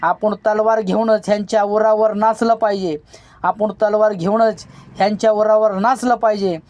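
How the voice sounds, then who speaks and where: A reader voicing a defiant young male village leader, speaking forcefully and with command. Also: mid-range voice, level tone, moderate pace, dull audio, close to an everyday voice. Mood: resolute. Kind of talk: storybook reading.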